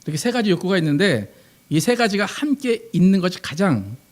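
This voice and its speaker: A man's voice: sits high, very animated, brisk. A man, a pastor, preaching a Sunday sermon in a conversational way, asking the congregation questions and acting out quoted lines.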